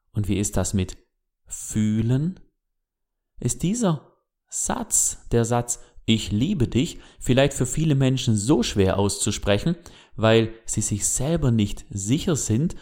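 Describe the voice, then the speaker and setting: A man giving a reflective motivational monologue as a self-help speaker, who speaks to the listener directly with gentle questions. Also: on the low side.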